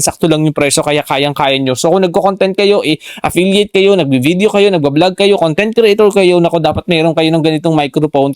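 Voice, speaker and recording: A man doing an excited product review vlog, addressing viewers over and over as he shows off a clip-on wireless microphone. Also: high voice, dry recording, clean studio sound. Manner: excited, repeats "mga guys" often. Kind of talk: enthusiastic unboxing vlog. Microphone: clip-on wireless lapel mic.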